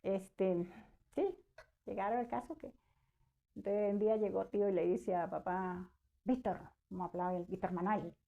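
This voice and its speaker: A woman's voice: mid-range voice, fairly even intonation, normal speed, creaky, phone-quality sound. A woman telling family stories in an interview, animatedly acting out her relatives' voices as she quotes them. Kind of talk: personal storytelling.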